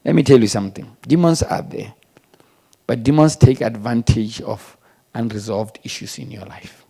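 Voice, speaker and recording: A male pastor delivers a sermon, his voice carrying a gravelly edge. He pushes key words loudly, then drops to hushed, almost whispered asides. His pitch sits in an ordinary middle range for a man. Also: normal speed. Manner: emphatic, swings between loud stresses and hushed asides.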